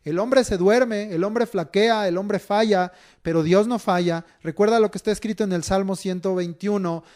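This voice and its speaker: A man with a high-pitched voice leads a church Bible study class. He reads passages of scripture aloud and then unpacks them in plain, conversational words. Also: moderate pace, darkish tone. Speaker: Bible teacher. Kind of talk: sermon-style Bible lesson.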